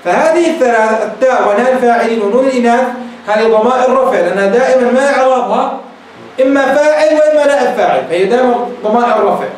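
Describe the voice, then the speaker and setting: Sheikh man teaching grammar, high-ish voice, heavy echo, bit far from the mic, faint hiss. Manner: asks rhetorical questions and repeats examples slowly; addresses listeners as "beloved ones". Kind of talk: classroom grammar lecture. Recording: very echoey room, voice from a distance, faint noise.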